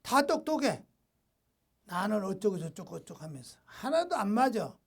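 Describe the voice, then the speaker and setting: Man, pastor, sermon, high voice, blunt scolding asides between readings. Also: sing-song, fairly quick, darkish tone. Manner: alternates reading a devotional text with blunt, scolding off-the-cuff asides; informal, rough-edged colloquial talk.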